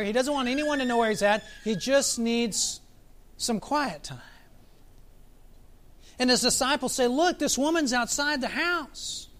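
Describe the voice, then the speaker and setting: A man preaching a sermon as pastor, reflective, asking his listeners questions and slowing down for emphasis. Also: high voice, a bit bright. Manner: reflective, asks the congregation questions, varies pace for emphasis.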